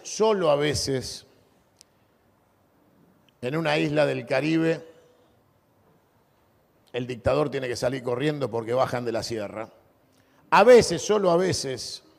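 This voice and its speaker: Booming Argentine male orator, gravelly, echoing. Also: darkish tone. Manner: booming balcony speech, declamatory with dramatic pauses and repetition. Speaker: political orator. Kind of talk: rousing political rally speech. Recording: long echoing reverb of a large venue.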